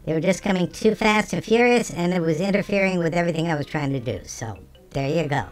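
A game streamer talking through a voice changer that shifts the pitch, chatting casually with viewers while playing. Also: animated, quick pace, soft background music. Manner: chatty, talks to chat between game actions. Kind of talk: casual let's-play chat with viewers.

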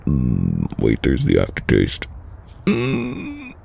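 In an intimate ASMR roleplay, a voice actor plays a tender, teasing young boyfriend caring for a sick partner. His very deep, gravelly voice is exaggerated, with huge pitch swings, and he speaks slowly, softly, soothingly and affectionately in a tender, playful mood.

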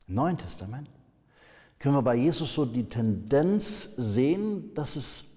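A male pastor delivers a sermon at an unhurried pace. His voice is mellow and a little husky, and his phrases often sink into a quiet hush. The sound carries a long reverb, as in a large church hall. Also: mid-range voice. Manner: slow, emphatic, dropping to soft hushed endings.

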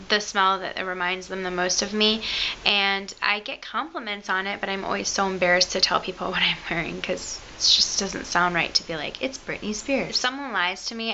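In a casual chat to camera from her bedroom, a young Michigan-accented beauty vlogger rambles and jokes at her own expense. Her medium-pitched voice sounds pushed and bright, while the close-up camera recording is muffled with slight background noise.

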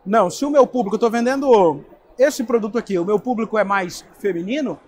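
A man's voice: high voice, fairly quick, a little mellow, a little hiss or hum. A young man, interviewing a guest at a trade fair booth on a lapel mic. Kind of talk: event interview.

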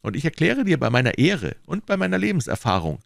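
A man voicing a scheming, smooth-talking schemer who coaxes and lectures in a patronizing way. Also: on the high side, wildly swooping pitch, quick pace, no room sound, studio quality, voice pushed up, heavily acted. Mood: coaxing. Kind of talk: audiobook character voicing.

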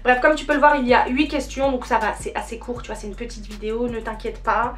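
High-pitched playful French woman vlogger. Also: steady tone, fast. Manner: playful, self-mocking, chatty with filler words. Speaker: dance channel host. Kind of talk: casual vlog chat.

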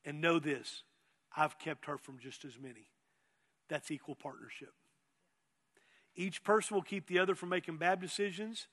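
A man's voice: fairly high pitch, fairly even intonation, normal speed, long pauses, fairly bright tone. A middle-aged man preaching a sermon as pastor, emphatic, often asking the congregation whether they hear him. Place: church sanctuary. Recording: long reverb of a church hall.

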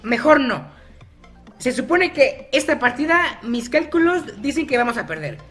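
High-voiced guy narrating gameplay. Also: sing-song, soft background music. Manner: chatty, teasing opponents by name, quick shifts in loudness. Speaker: gaming YouTuber. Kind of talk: live gameplay commentary.

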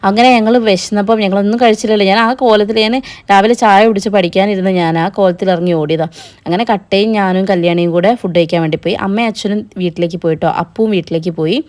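A woman's voice: mid-range voice, steady tone, fast talker, darkish tone. A young woman narrating her own vlog in a chatty, casual voice-over, talking straight to her viewers. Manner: chatty, addresses viewers directly. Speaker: vlogger narrating.

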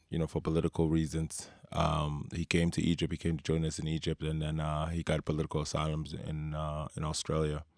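A man in his thirties from Sudan, a basketball player, talking in a relaxed, unhurried way with drawn-out fillers in a studio. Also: a bass voice, no echo. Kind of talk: casual interview talk. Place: home studio with guitars and keyboards. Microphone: studio mic with headphones.

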